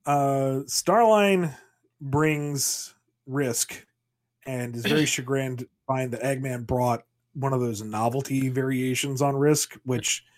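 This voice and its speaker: A man of middle pitch chatting casually on a podcast, riffing in a playful, easygoing way. His voice sits right in the ordinary middle range. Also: fairly even intonation, slow pace. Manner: playful, riffing comic scenarios. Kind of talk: casual chat.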